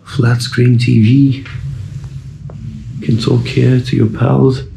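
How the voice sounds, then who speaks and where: A man in his thirties filming a casual travel vlog, chatty and relaxed, with self-deprecating asides, recorded on a handheld camera mic. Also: mid-range voice, takes it slowly, gravelly, noisy background. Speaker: travel vlogger. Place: indoors in a hostel, then outdoors in snowy streets and on a bus.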